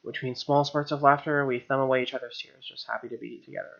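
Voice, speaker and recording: Speaking quickly in a level, gravelly, medium-pitched voice, this young let's player narrates a visual novel informally, dropping offhand comments and gamer slang. Soft game music sits under a slightly dull recording.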